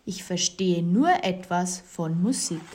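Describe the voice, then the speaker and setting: A woman voicing a gentle storybook witch who knows only about music. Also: fairly low pitch, takes it slowly, voice pushed down. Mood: regretful.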